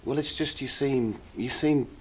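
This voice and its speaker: A man's voice: mid-range voice, a little slow, breathy edge. An actor playing a bewildered, awkward man in an audio drama. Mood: puzzled.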